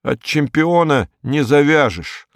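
A man voicing a frightened, superstitious male gangster informer who talks in a jumpy, rambling, pleading way, in a high, strained voice with a gravelly edge. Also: lively intonation, takes it slowly, dry recording, studio quality. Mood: sullen.

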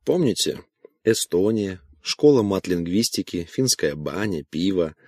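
A man's voice: sits low, expressive, a little slow, darkish tone, no echo, clean studio sound, full character voice. A man voicing a composed, ironic intellectual in an audiobook, with cool and pointed remarks. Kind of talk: audiobook character voice.

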